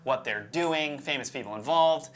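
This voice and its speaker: A man co-hosts a UFO show, offering informal, opinionated conversational commentary. His medium-pitched voice moves at a moderate pace over background music, with slight background noise.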